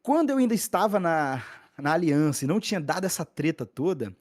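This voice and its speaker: A young man tells a story on a podcast in loose street slang. He stays animated and often stops to restart his sentences. It sounds like casual chat, not a script. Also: on the high side, brisk. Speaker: podcast guest, gaming content creator.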